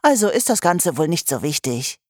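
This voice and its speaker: A woman's voice: deep voice, very animated, normal speed, no room sound, clean studio sound. A woman voicing a chatty, cheerful schoolgirl friend in an audiobook. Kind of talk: audiobook character voice.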